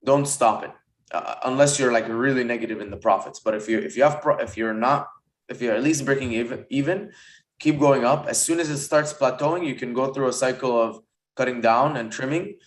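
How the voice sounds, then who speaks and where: Halting man giving casual expert advice. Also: medium pitch. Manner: halting, thinking aloud. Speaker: expert guest on advertising.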